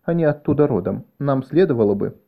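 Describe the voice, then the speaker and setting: A man reading the part of a young male doctor's assistant, eager but cowed, speaking in a hushed, hesitant way on a dull lo-fi recording. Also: medium pitch, expressive, fairly quick, creaky.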